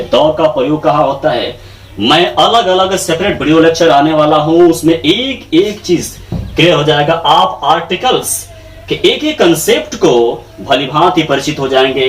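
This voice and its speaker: Animated man teaching in an echoey room. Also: fairly high pitch. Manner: repeats each point in English and Hindi terms, asks rhetorical checks. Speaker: English grammar teacher. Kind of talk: classroom lecture. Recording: echoey room, mic far off.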